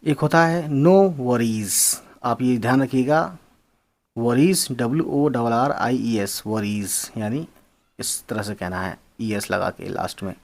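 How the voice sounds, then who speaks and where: A man's voice: medium pitch, normal speed, vocal fry. A man teaching English slang words, spelling them out and repeating them in a casual explanatory lesson. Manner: spells words out and repeats phrases, addresses viewers as friends.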